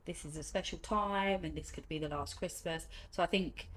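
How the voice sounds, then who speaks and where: Woman, slightly low voice, reflective, halting answers, light background noise. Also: fairly bright tone. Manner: hesitant, reflective, many pauses and "you know". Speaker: hospice nurse. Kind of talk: informal interview answers.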